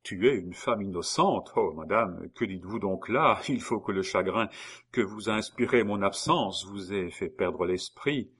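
Reading an audiobook in a lowish, slightly bright voice with a breathy edge, this man takes his time. He plays a cold, mocking husband who taunts his wife behind a show of courtesy, all sneers and fake politeness.

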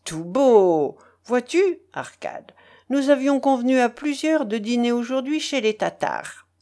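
An excitable, hot-headed young man, voiced by a woman reader, gushing and bossy, rushing his plans along. Even his outbursts come at a slow, deliberate reading pace. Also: on the high side, voice pushed up. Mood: effusive urgent. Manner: quick-tempered, then warmly effusive.

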